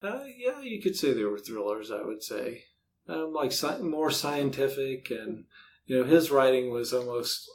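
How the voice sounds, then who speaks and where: Speaking with vocal fry at medium pitch, this interviewed podcast host and author talks casually, drifting a little as he thinks out loud. Faint noise sits in the background.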